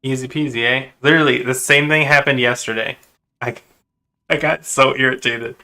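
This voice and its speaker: A man giving live commentary while playing a game, venting his irritation at teammates and trying to calm himself down. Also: medium pitch, normal speed. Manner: exasperated, venting, then calming himself down. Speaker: gamer.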